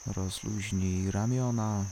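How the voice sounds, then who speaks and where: A calm, soothing voice guiding a body-scan relaxation, unhurried and leaving long pauses between short instructions. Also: deep voice, slight background noise. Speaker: guided relaxation narrator. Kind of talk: slow guided body-scan meditation.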